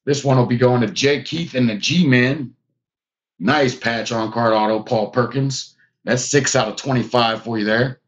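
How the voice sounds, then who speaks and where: A man's voice: mid-range voice, unhurried, muffled recording. Casual man hosting a live card break. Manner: chatty, talks to viewers by name.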